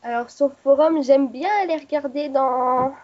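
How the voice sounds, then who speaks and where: A woman's voice: high-pitched, fairly even intonation, moderate pace, a little mellow. A young woman, new to the radio team, answering questions hesitantly with many fillers. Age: young adult. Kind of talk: casual interview. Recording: dull lo-fi online audio.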